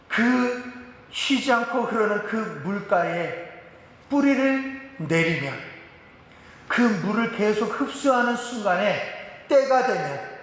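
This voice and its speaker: High-voiced Korean pastor preaching in a hall. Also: male voice. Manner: dramatic, acts out prayers and quotes with big swings in loudness. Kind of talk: sermon. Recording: echoey hall with long reverb.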